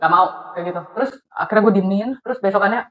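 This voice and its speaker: A woman co-hosting a podcast, chatting casually, telling lively stories with laughs and bits of English. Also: medium pitch, racing. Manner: animated storyteller, laughs often, mixes in English. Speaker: podcast co-host. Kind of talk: casual chat. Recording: dull lo-fi podcast audio.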